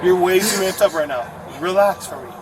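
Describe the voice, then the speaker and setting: High-pitched male officer amid heavy noise. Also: fairly quick, a crowd in the background. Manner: firm, repetitive, trying to calm someone down. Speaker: police officer. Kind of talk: giving commands during an arrest. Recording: very noisy field capture with vehicle sounds.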